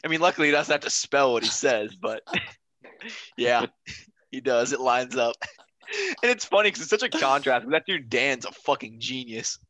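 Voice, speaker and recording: Laughing bright-voiced guy on a podcast. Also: mid-range voice, lively intonation, moderate pace, dry recording. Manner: laughs often, loose slangy banter. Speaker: podcast co-host. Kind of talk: casual chat.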